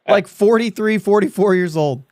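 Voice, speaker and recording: A man's voice: high voice, a little mellow, slight background noise. Chatty man hosting a sports podcast. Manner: rambling, chatty, laughs often mid-sentence. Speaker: podcast host. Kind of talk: casual sports podcast chat.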